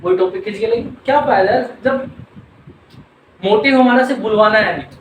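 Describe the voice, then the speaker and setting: A man's voice: high voice, moderate pace, echoey room, far from the mic, slight background noise, low-quality recording. A man with an Indian accent teaching an English class, mixing Hindi and English, drilling words and questioning his students.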